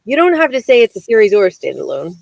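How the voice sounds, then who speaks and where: A woman's voice: mid-range voice, big pitch swings, fast talker, creaky, darkish tone, dry recording, poor audio. A woman co-hosting a live-stream chat, giving firm, direct advice. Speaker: livestream co-host.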